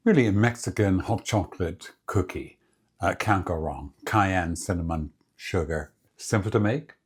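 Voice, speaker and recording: A man hosting a casual home cooking demonstration, chatting in a relaxed way and savoring the food aloud as he tastes it. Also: sits low, moderate pace, breathy edge.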